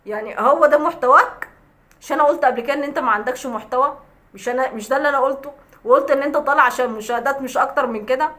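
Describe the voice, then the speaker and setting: A woman's voice: high-pitched, racing, fairly bright tone. A woman with an Egyptian accent, a vlogger ranting at a critic in a sarcastic, scolding way with scornful laughs. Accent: Egyptian Arabic. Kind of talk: mocking rant to camera.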